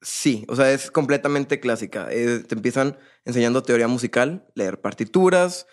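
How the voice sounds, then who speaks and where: A man's voice: mid-range voice, normal speed. A young man, a percussionist guest, telling his story in a casual, rambling way with many fillers and restarts.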